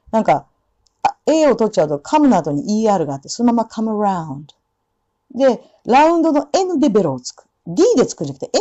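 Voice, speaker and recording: A woman gives a pronunciation lesson, her pitch rising and falling in a lively way. Her tone is mellow and dark, and she stretches out example phrases slowly. The recording sounds dull and lo-fi. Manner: demonstrates English sounds slowly, repeating phrases. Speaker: English pronunciation teacher.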